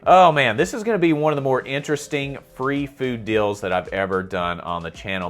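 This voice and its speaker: A middle-aged man hosting a vlog in a chatty, self-deprecating way, often asking viewers for their opinions. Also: fairly low pitch. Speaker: host. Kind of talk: casual vlog commentary.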